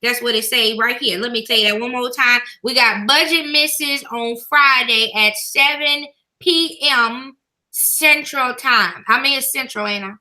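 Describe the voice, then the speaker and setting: A woman's voice: a little high, measured pace, pushed and bright. A woman host voicing a folksy older church mother who reads announcements and calls everyone baby. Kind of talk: live stream chat.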